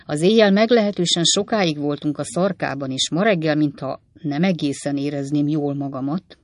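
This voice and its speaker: A reader voicing a cynical, flippant young male law clerk who talks in a mocking, offhand way with swooping pitch, read in a dry studio. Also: no room sound, close to an everyday voice.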